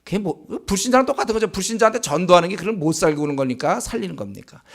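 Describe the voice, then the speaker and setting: A male pastor preaching in a conversational way, asking the congregation rhetorical questions and acting out remarks in a slower, lower voice. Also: expressive. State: sore throat. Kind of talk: sermon. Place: church sanctuary.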